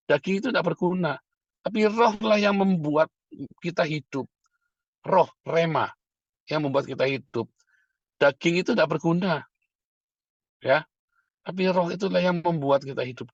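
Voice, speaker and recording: A man's voice: a little high, fairly bright tone, slightly rough, no room sound, dull audio. A middle-aged man, a pastor, preaching a sermon and calling to his listeners as brothers and sisters.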